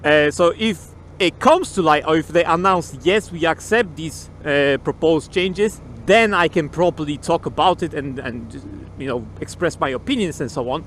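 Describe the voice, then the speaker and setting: A man's voice: fairly high pitch, normal speed, hardly any pauses, a bit bright, a little hiss or hum. Chatty man talking inside a motorcycle helmet. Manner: rambling, swears casually, repeats key words. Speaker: motorcycle vlogger. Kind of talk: casual chat while riding. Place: on a motorcycle in city traffic, outdoors.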